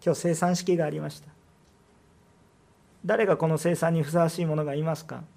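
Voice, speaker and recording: This pastor's sermon comes in a darkish voice with vocal fry, slightly high for a man, moving a little fast with little pitch movement. He presses his case through rhetorical questions and raises his emphasis on important lines.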